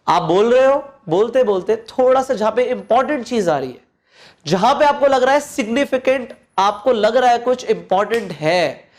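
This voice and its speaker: A man teaching presentation skills, speaking in deliberate pauses and swinging his voice up and down to stress points. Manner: deliberate pauses and swings in pitch to show modulation; repeats phrases for emphasis, addresses listener directly. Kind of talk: coaching lesson mixing Hindi and English.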